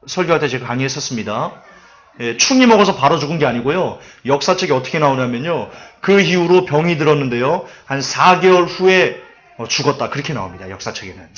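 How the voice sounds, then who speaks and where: A man preaching a sermon, telling stories and acting out quotes to make his points. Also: medium pitch. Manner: lively storytelling with acted-out quotes and asides. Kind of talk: sermon lecture. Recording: dull lo-fi recording.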